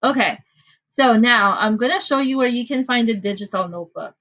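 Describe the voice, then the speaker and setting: A Filipino-accented woman from the Philippines teaches an online class over a computer mic on a video call, talking chattily and apologetically with lots of fillers. Her voice sits on the high side and sounds fairly bright, though the audio is dull, and she speaks fairly quickly.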